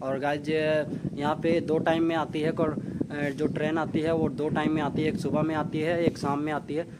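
A man's voice: on the high side, little pitch movement, moderate pace, very noisy. A young man from India with a Jharkhand Hindi accent, talking casually as he walks around a small railway station for his vlog, saying "guys" often. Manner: chatty, repeats "guys" often. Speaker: vlogger. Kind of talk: casual walking travel vlog.

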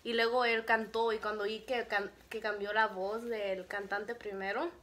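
At a moderate pace and mid-range pitch, a young woman vlogs a relaxed storytime, laughing a lot and performing other people's lines with animation. There's a little hiss or hum in the audio.

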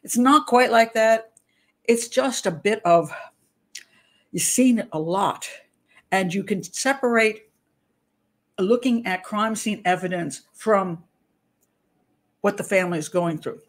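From her home, an older woman speaks to a webcam as host of a relaxed livestream; by profession she's a criminal profiler. Her pitch is typical middle height for a woman, a little hoarse, with occasional throat-clearing. She rambles chattily, stops herself mid-thought, and laughs often.

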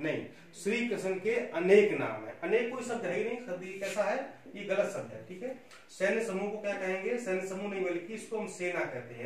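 A man teaching Hindi spelling in a lecture, coaxing students and checking in with "okay" after nearly every point. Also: high voice. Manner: repeats "theek hai" constantly, coaxing and instructive. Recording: very echoey room, distant mic, faint hiss.

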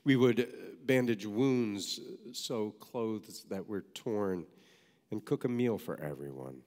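Low-voiced pastor in a reverberant church. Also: male voice, darkish tone. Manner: measured storytelling with wry asides. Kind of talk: sermon, reading a story aloud. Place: church sanctuary.

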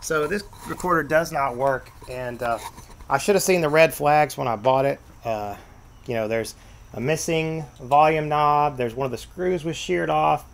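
A man with a fairly high voice and some vocal fry talks at a moderate pace, with a little hiss or hum in the recording. He's a vintage tape deck repair vlogger, sitting at a desk in a sunny room at home, casually showing off and explaining an old broken tape deck. His easygoing show-and-tell rambles along, packed with fillers.

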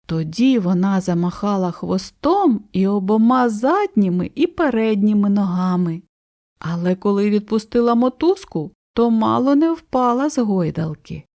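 A woman reads a children's story aloud, gentle and expressive. Her pace is slow and her tone dark and mellow. Her pitch moves in a lively, animated way. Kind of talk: children's audiobook narration.

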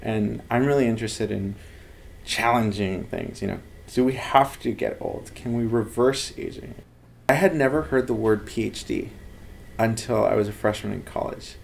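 Earnest man with a gravelly voice. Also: lowish voice, normal speed, a little hiss or hum. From Los Angeles, United States. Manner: earnest, animated storytelling. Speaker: lab head researcher. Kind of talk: casual interview talk. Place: office with bookshelves, indoors.

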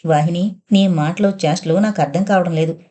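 Woman narrator reading an affectionate young rich man, mellow low-key delivery, audiobook novel. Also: fairly quick, lightly acted. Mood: tender worried. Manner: affectionate, coaxing. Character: young wealthy man, tender lover.

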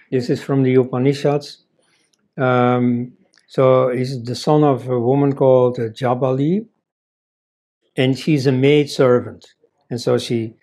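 His voice is mid-range with a darkish tone. The older Dutch-speaking man from Belgium delivers a lecture-style talk from a desk in an indoor office, casual in manner and filled with "you see" asides.

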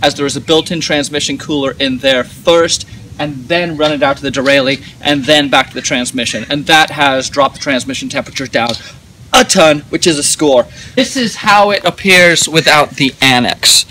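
A man's voice: on the high side, normal speed, pushed and bright, slight background noise. A man in his thirties walking through his camping gear outdoors, with dry joking asides. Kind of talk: casual gear walkthrough. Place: outdoors in a driveway and at a campsite.

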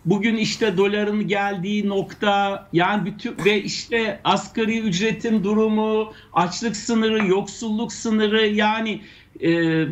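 A man with a fairly high voice gives critical news commentary. He talks haltingly, pausing and restarting, and often turns to rhetorical questions. The sound is a little dull and lo-fi. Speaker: anthropologist guest.

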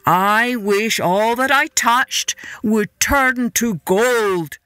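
A woman voicing an excitable storybook king, exclaiming dramatically. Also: on the high side, extremely slow, dry recording. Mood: smug, greedy. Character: King Midas, excitable greedy king turned desperate father.

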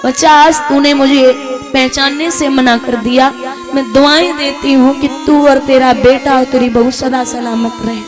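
A woman's voice: sits high, fairly even intonation, unhurried. A woman storyteller voicing a devoted, pleading poor old mother, with music playing behind. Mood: tender. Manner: pleading, tender.

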